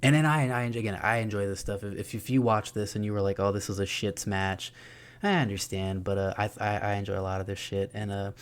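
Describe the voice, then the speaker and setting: A young man giving an excited, profane, laughing recap of a wrestling show. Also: lowish voice, quick pace, hardly any pauses, smooth. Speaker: wrestling reviewer.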